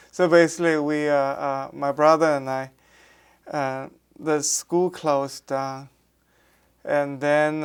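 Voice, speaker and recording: An architecture professor in his sixties, a native Mandarin speaker from Beijing, speaks English with a Beijing Mandarin accent in an oral history interview. His smooth, clear voice sits on the high side, and his slow, fairly flat delivery is full of pauses, fillers, and restarts.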